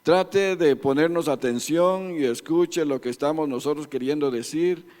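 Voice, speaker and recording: A man's voice: on the high side, moderate pace, darkish tone. A man in his sixties with an Ecuadorian Spanish accent, preaching to couples at church in a folksy, joking way and calling the listeners his beloved brothers. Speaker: church couples-ministry speaker. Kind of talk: preaching to a congregation. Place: church meeting room. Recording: reverberant church hall.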